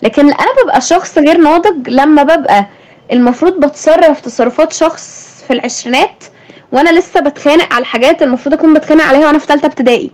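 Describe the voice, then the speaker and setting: A woman's voice: high-pitched, racing, a little mellow, low-quality recording. A young woman with an Egyptian Arabic accent, hosting a thoughtful conversation and asking her guest questions. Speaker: host. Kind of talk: reflective conversation.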